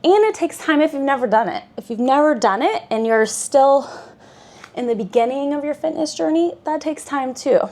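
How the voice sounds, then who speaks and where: A woman guiding a Pilates workout, giving calm counted cues and encouragement. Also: high-pitched, moderate pace. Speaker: Pilates instructor. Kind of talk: guided workout instruction.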